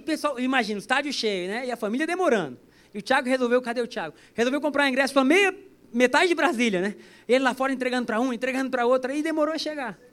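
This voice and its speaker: A man with a strikingly high voice preaches a relaxed, conversational sermon. He jokes with the congregation and slips into storytelling as he goes. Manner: chatty, joking, storytelling. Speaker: pastor. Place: church service.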